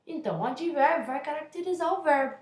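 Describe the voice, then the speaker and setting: Her voice sitting high, this young teacher with a Brazilian Portuguese accent explains grammar at a quick pace, expressively and chattily. She frequently checks in with viewers in a relaxed classroom manner, recorded in an echoey room.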